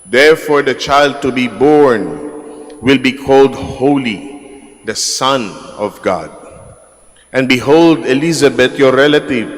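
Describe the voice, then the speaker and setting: A man, a priest reading the gospel at Mass in a slow, measured way, his voice carried by a cathedral echo. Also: medium pitch. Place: large church. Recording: long church reverb from the PA.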